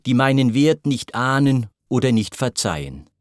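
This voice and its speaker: A man voicing a proud titan brought low, speaking in anguished, pleading verse. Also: big pitch swings, normal speed, no echo, studio quality, lightly acted.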